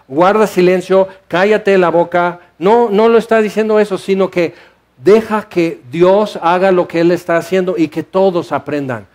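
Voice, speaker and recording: A pastor with a high-pitched, darkish-toned voice preaches a sermon in a church hall, animatedly explaining scripture and posing rhetorical questions.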